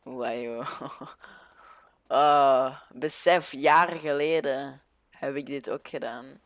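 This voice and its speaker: A man's voice: fairly high pitch, fairly even intonation, slow, a bit bright, no room sound, clean studio sound. A young man with a Flemish accent giving casual, hesitant commentary over a video game, often searching for his words. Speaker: gaming video host.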